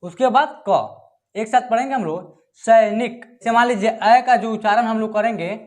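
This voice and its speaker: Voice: mid-range voice, normal speed. A reading teacher in an online lesson, sounding out words syllable by syllable and quizzing viewers.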